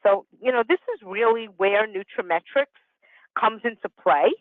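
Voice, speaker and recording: A woman in her sixties, working as a business consultant and presenter, walks through a prepared explanation on a telephone conference, adding conversational asides. She speaks at normal speed in a mid-range voice. The recording is dry, with narrow, tinny sound.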